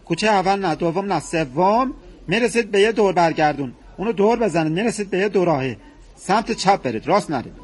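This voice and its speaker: A loud, joking hospital worker with a husky edge to his voice. His high pitch leaps around in a lively way. He plays his lines for laughs in a sketch. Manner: loud and animated, playfully joking. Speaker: hospital staff member. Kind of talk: comedy sketch acting.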